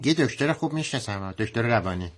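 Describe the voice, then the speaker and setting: A woman's voice: rumbling low, expressive, crowd noise. A woman co-hosting a radio show, trading teasing, mock-indignant comic banter and laughing often.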